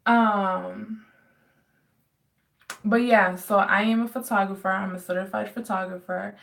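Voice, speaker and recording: A woman's voice: mid-range voice, fairly even intonation, a little slow, creaky, fairly bright tone. Chatty young woman, distant mic. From United States. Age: 20s. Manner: chatty, rambling with many ums and likes. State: dry throat. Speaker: vlogger. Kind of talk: casual Q&A vlog. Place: home.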